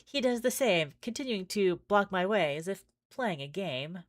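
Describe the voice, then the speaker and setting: A woman livestreamer reads a visual novel aloud, adding casual asides, and she's expressive and giggly, frequently stumbling and starting over. Her voice is medium-pitched at a moderate pace, with no echo.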